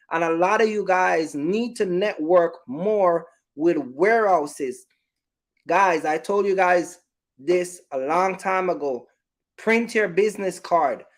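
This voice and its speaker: A trucking business YouTuber with a high-pitched voice gives his viewers informal advice directly. He's emphatic, repeats his points, and keeps checking that his audience understands.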